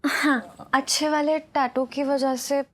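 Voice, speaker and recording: An actress playing a gentle, apologetic young wife in a comedy TV serial. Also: female voice, sits high, level tone, slow.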